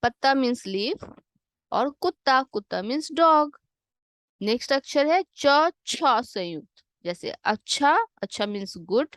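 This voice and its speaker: A woman with a somewhat high voice walks young learners through a worksheet. She is patient, poses a question, then supplies the answer herself. She slips English meanings in as she goes, recorded close and dry. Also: expressive, unhurried, a bit bright, no room sound. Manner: mixes English glosses into her explanations. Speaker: Hindi teacher for children. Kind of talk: worksheet lesson voice-over.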